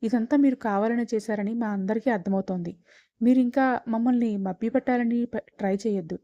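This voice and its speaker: A man's voice: very high voice, brisk, warm tone, dry recording, lo-fi sound, pitched above the performer's own voice. A woman narrator voicing an indignant young husband confronting his aunt in a storybook reading. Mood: angry. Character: young man, angry protective husband.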